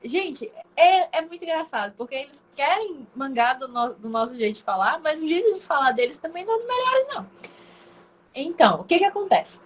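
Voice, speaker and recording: A woman's voice: high voice, sing-song, brisk, rough recording. A Brazilian woman with an Acre accent teaching an informal online language lesson, chatty and emphatic, repeating words aloud to show how they are said. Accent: Brazilian Portuguese, Acre.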